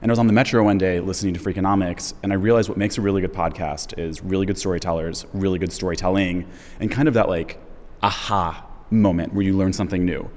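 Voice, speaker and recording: A man's voice: low-pitched, fairly even intonation, quick pace, a little mellow, in a large hall. A man talking casually and enthusiastically as an interview guest, rambling with lots of likes. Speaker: podcast host and guest.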